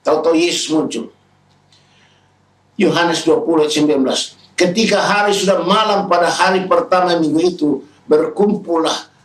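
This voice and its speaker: A man's voice: sits high, far from the mic. A male pastor delivering a sermon, retelling scenes in raised voices. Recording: echoey hall, speaker away from the mic.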